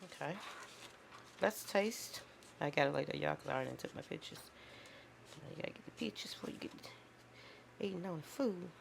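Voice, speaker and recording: Woman, cooking-channel host; deep, gravelly, folksy chat to camera. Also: lively intonation, brisk, pauses often, slight background noise. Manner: chatty, folksy, talks to viewers as y'all. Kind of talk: casual cooking vlog chat.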